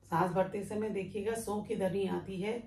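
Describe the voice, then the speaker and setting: A woman yoga teacher giving a calm, step-by-step breathing lesson while she demonstrates it. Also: medium pitch, normal speed. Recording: echoey room with faint background noise.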